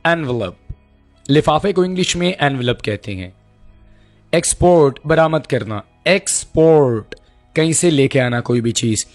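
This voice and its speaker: Male teacher, fairly high voice, slow deliberate drilling of words, faint music underneath. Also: animated. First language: Urdu. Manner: repeats each English word slowly, then explains it quickly. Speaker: English teacher. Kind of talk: vocabulary lesson, Urdu explanations.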